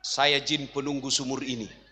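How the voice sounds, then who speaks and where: A man's voice: mid-range voice, little pitch movement, normal speed, sharp tone, voice pushed down, natural voice. Man doing a grumbling old well jinn. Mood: fed up. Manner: put-upon, complaining. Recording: long hall reverb.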